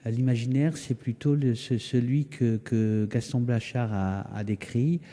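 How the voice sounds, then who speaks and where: A man, an artist explaining their work in an interview, halting and searching for words, in an echoey hall. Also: medium pitch, fairly even intonation, mellow. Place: indoor hall of a townhouse. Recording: echoey, resonant building interior.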